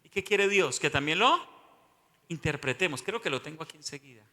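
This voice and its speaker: A man's voice: on the high side, animated, fairly quick, sharp tone, in a large hall. A male pastor, teaching a sermon and often asking the congregation questions.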